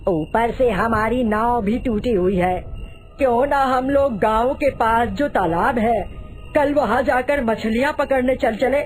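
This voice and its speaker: A woman voicing a scheming male village fisherman who talks in a loud, gleeful, drawn-out way. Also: a little high, faint music behind, lightly acted, low-quality recording.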